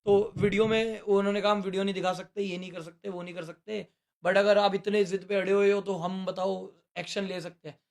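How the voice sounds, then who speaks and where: Young man, quick high voice, recounting a quarrel with quoted lines. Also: level tone, creaky. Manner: rapid narration, quoting himself in dialogue. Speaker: reality show contestant recounting a fight. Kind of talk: casual storytelling chat.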